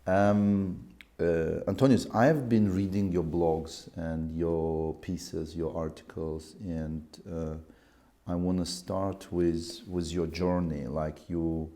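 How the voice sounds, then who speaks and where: A man's voice: low voice, steady tone, slow pace, dark tone. A man hosting an interview, asking long, rambling questions full of fillers as he searches for words. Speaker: interview host.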